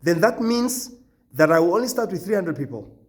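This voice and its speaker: A founder records a video for job applicants, his voice hoarse from nearly giving out, high-pitched and a little mellow with big pitch swings. He speaks haltingly and repetitively, delivering stern warnings.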